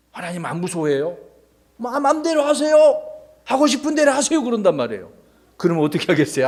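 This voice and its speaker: Animated man preaching to children. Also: a little high. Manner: animated, asks the children questions and acts out voices. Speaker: pastor teaching children's Sunday school. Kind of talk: children's sermon.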